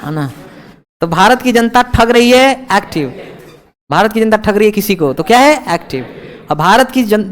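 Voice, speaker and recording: A man's voice: sits high, a bit bright. A man teaching a grammar lesson to a live classroom, often checking that students follow and teasing them. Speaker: English teacher.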